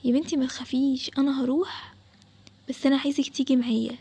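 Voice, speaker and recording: A woman's voice: high voice, flat delivery, quick pace, slightly rough. A woman with an Egyptian accent voicing a bold young boy who confidently reassures and coaxes. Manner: confident, reassuring, hushed at times. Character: bold young boy Adam, daring treasure hunter.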